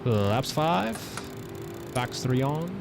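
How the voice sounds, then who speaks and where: A man's voice: medium pitch, big pitch swings, drawn-out words, gravelly. A man giving casual step-by-step cockpit commentary and radio calls as a flight simulator pilot. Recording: loud vehicle-like engine noise.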